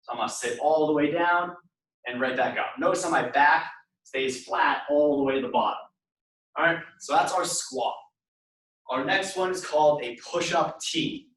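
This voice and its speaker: A man's fairly high, slightly bright voice guides a live exercise class through brief repeated instructions and rep countdowns. The recording is echoey, with the speaker far from the mic.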